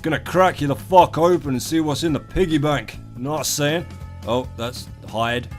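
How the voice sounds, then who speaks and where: A man's voice: fairly high pitch, fairly quick. Theatrical British man with irreverent gaming patter. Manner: theatrical, irreverent, mock-grandiose with sudden exclamations. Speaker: gaming video host. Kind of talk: comedic game commentary, profane and colloquial. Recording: voice over a music bed. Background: music.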